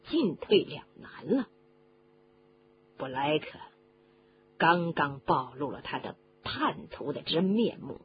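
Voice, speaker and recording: A woman voicing an older male government minister who talks low and confiding, in an audiobook reading on a dull lo-fi recording with faint hum. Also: full character voice.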